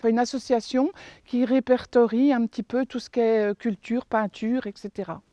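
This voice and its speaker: A woman's voice: on the high side, steady tone, normal speed, dark tone, dry recording. A woman from the village speaking in an interview, hesitant and stopping on fillers. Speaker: village resident. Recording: dull, dry lo-fi sound.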